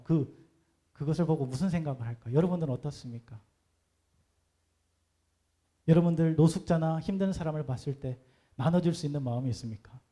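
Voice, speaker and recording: A man's voice: mid-range voice, dark tone. A man preaching a sermon as pastor, talking conversationally and putting rhetorical questions to the congregation.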